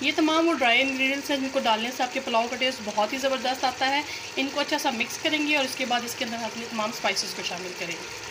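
A woman hosting a cooking channel, calmly explaining a recipe step by step in voice-over narration. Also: high voice, fast talker. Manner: calm step-by-step instruction. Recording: noisy kitchen, sizzling pot.

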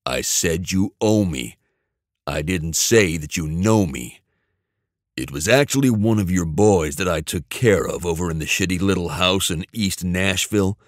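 A male narrator voicing a cool, menacing male ex-soldier who speaks slowly and evenly. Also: no room sound, studio quality. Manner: low, slow, calm, menacing.

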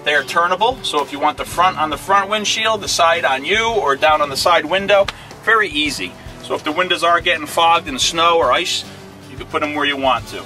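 Bright high-voiced salesman in a tractor. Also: fairly quick, faint music behind. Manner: plain, repetitive sales pitch with fillers. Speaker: equipment dealer salesman. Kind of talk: product walkthrough demo. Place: outdoor dealership lot, then inside a tractor cab.

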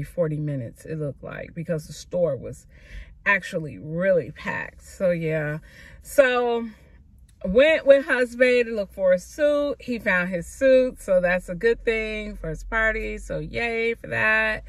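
A woman's voice: mid-range voice, fairly bright tone, no echo. A middle-aged woman, chatting upbeat into a phone camera from her parked car, with loose "so yeah" asides. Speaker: vlogger. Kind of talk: casual vlog chat. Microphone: phone camera on dashboard.

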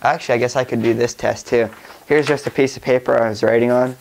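A man's voice: medium pitch, fairly even intonation, fast talker, gravelly, a little mellow, slight background noise, rough recording. A young man with a stuffy nose from a cold, rambling casually through a tech vlog with lots of fillers and restarts. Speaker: tech vlogger.

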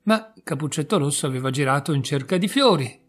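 A man calmly reading a fairy tale aloud in a measured storytelling manner. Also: a little high. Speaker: narrator. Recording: soft background music.

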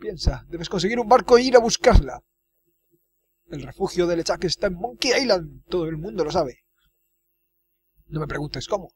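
A man's voice: high voice, lively intonation, normal speed, pauses often, husky. A man doing a wailing, self-pitying old cook. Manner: wailing, theatrical lament. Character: weepy self-pitying older male cook.

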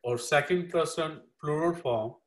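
A man's voice: fairly high pitch, normal speed. A man interpreting a Greek lesson for a class, repeating each point and leaning on filler phrases. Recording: roomy, echoey room.

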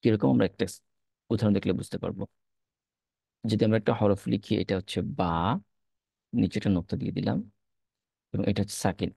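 Male teacher, low gravelly voice, dry close sound, patient step-by-step drilling. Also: steady tone, dark tone, dry recording. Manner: patient, repeats letter drills slowly. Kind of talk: step-by-step lesson on reading Arabic letters.

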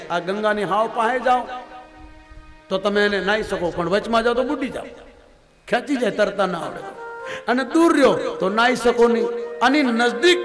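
A man giving a devotional scripture discourse, storytelling and acting out the dialogue. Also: extremely high pitch. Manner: storytelling, acts out dialogue, chuckles often. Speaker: katha preacher. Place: large religious gathering hall. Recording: echoing hall with loud music.

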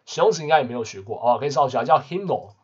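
A man teaching English vocabulary in a casual lesson, constantly adding quick tag questions. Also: mid-range voice, lively intonation, husky. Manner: peppers talk with tag questions. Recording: muffled lo-fi recording.

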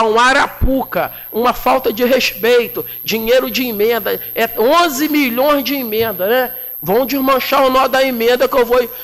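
With an extremely high pitch and a fairly bright tone, a Brazilian city councilman in his forties gives an indignant, combative floor speech laced with slang. He addresses a desk microphone in an indoor municipal council chamber.

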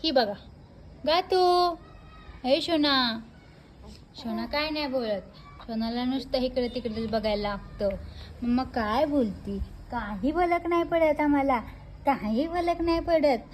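A woman's voice: high voice, measured pace, slight background noise. A mother cooing baby talk to her two little daughters, repeating each question in a sing-song way. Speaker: mother talking to her babies.

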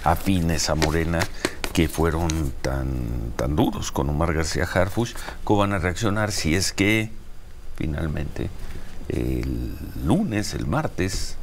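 Older man, Mexican Spanish accent, very low gravelly voice, pointed rhetorical host. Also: animated, takes it slowly, a little hiss or hum. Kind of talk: radio-TV political interview. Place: TV studio.

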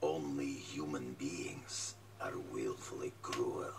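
Very deep, hammy theatrical hunter. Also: male voice, expressive, creaky, full character voice. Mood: grave, measured. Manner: hammy, theatrical, measured stage delivery. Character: deep-voiced, theatrical, proud big-game hunter man. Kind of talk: video game cutscene acting. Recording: noisy off-screen capture, distant game audio.

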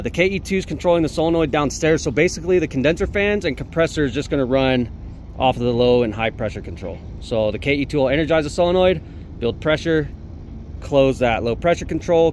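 A man's voice: mid-range voice, a little hiss or hum. A man working as a refrigeration technician, explaining each step plainly as he works and swearing often, recorded on a head-mounted camera on a rooftop at night and in equipment rooms. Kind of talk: casual work narration.

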